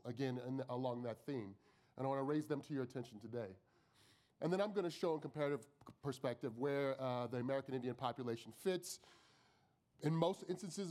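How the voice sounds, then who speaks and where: Hoarse man presenting research findings. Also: medium pitch, darkish tone. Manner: measured, explanatory, with ums and restarts. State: hoarse from a cold. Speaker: research consultant presenting data. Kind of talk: conference data presentation. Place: conference plenary stage.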